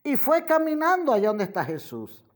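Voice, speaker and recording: A woman preaching a sermon, slow and emphatic, repeating key phrases and addressing her listeners as brother and friend listener. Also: high voice, huge pitch swings. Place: radio program.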